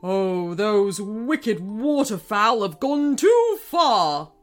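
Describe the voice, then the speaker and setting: A woman's voice: high voice, wildly swooping pitch, extremely slow, a bit bright, soft background music, exaggerated voice. A woman voicing a hot-tempered male bread king who bellows and spits out insults. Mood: furious. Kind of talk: storybook character voice.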